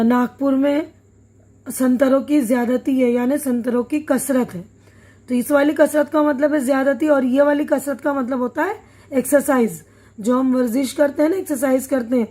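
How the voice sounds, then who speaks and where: A patient woman teacher reads a textbook lesson aloud, explaining each word plainly and checking comprehension with questions. She speaks in a high, mellow voice.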